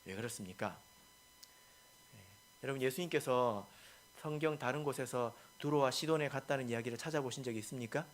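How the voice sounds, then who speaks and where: A male pastor preaching a sermon, stressing points and asking the congregation questions, with many soft filler words between lines. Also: mid-range voice, a little fast, long pauses.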